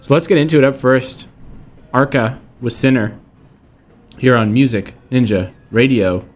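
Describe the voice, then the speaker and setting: A man's voice: mid-range voice, measured pace. A man hosting a music radio show in an informal, hesitant, meandering way, chatting casually to listeners as he introduces tracks. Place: public ferry building, broadcasting live. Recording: music playing behind.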